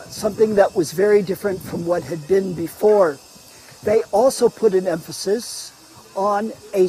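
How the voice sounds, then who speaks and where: High-voiced man guiding a slow tour. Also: dark tone, poor audio. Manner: lecturing with frequent fillers and restarts. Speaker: tour guide. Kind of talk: live online walking tour commentary. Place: outdoors in a city neighborhood.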